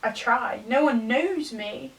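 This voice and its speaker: A young woman, tipsy, giving a rambling, halting confessional rant to a camera some distance away. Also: fairly high pitch, a bit bright. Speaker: vlogger. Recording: distant from the mic.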